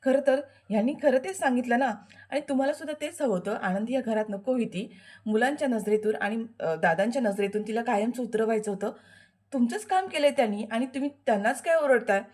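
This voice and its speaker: A sharp-tongued, taunting sister-in-law who hits back defiantly, as a woman reads her lines. Her voice is pitched higher than the narrator's own. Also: animated, fast talker.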